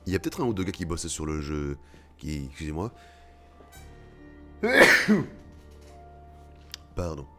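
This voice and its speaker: Very deep-voiced man gaming commentary. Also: lively intonation, a little slow, pauses often, a little mellow, soft background music. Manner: joking, swearing asides. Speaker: let's play gamer. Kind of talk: casual gameplay commentary.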